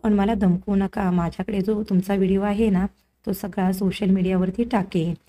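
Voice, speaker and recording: A woman's voice: medium pitch, fairly even intonation, moderate pace, warm tone, close to an everyday voice. A woman reading the lines of a cornered but defiant young woman, indignant in tone.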